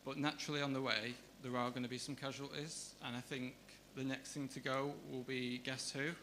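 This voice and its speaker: A man doing stand-up comedy on a comedy club stage, with a deadpan, hesitant delivery. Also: medium pitch, a little fast, background noise.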